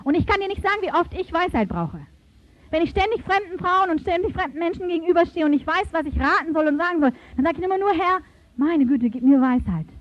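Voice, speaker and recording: A woman preaching a sermon in an animated, emphatic way, swinging her pitch dramatically as she tells stories and reads verses. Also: fast talker, no room sound. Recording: dull, lo-fi recording.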